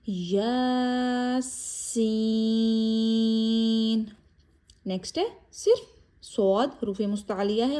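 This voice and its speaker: Mellow-voiced woman teaching Quran recitation. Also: mid-range voice. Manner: explains briefly then recites letters slowly with long drawn vowels; mixes English words into explanations. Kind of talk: step-by-step recitation lesson.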